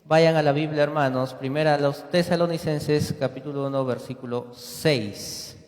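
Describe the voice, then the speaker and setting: A man's voice: a little high, fairly even intonation, normal speed, darkish tone. Man preaching in an echoey church. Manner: asks the congregation questions; acts out quoted dialogues. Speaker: lay preacher. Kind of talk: sermon. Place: church sanctuary.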